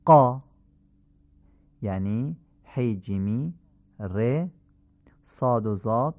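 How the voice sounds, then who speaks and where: A man teaching Quranic pronunciation on a radio program, drilling syllables slowly and deliberately. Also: medium pitch. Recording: tinny phone-like radio sound.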